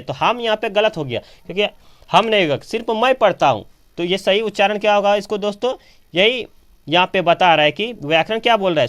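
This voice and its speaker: A man's voice: sits high, fairly bright tone, clean tone. A man teaching a grammar lesson on camera, asking questions and answering them himself, often repeating key phrases. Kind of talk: classroom lecture on grammar. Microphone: camera operator recording.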